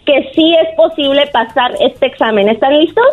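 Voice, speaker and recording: A woman's voice: high-pitched, normal speed. A woman lawyer on a radio show, upbeat and laughing between lines as she promotes her service. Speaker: lawyer giving a sponsored segment. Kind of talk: on-air ad segment with banter. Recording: tinny phone line.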